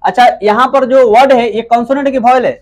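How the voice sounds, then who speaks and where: High-voiced man teaching grammar. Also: fairly even intonation. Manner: asks rhetorical questions and answers them himself; repeats key words slowly for emphasis. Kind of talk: classroom lecture.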